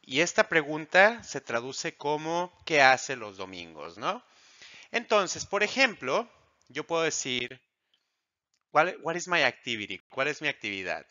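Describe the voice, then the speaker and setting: A man teaching an English grammar lesson, explaining slowly and asking the class questions that he then answers himself. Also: on the high side, sing-song, bright, forceful tone. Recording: dull lo-fi audio.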